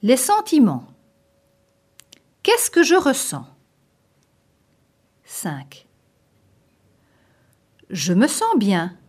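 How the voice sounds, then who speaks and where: Slow, lively-pitched woman teaching French phrases. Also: husky. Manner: says each phrase slowly and distinctly, as if for learners to repeat. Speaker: language teacher. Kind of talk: slow, clearly spoken vocabulary lesson.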